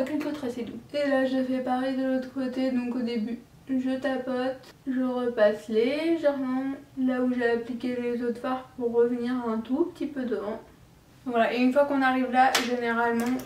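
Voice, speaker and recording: A young woman talks through her makeup routine in a loose, chatty way, full of little fillers and self-deprecating asides. Her voice sits a bit high and reaches the mic from a short distance, in a room with a noticeable echo. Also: a little mellow. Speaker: beauty vlogger. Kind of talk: makeup tutorial chat.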